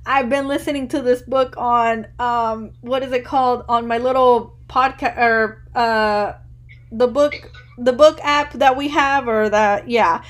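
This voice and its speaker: A woman in her early thirties hosts a relaxed podcast conversation. Her voice sits quite high, and she rambles, restarts and leans on "like" constantly. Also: unhurried. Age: 30s. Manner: chatty, rambling, says "like" constantly. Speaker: podcast host. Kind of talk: casual interview chat.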